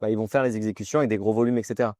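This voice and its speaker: A man's voice: lowish voice, rapid-fire, no room sound. Chatty man hosting an interview, dry sound. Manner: relaxed, chatty, lots of fillers and slang. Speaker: host. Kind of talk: casual podcast interview.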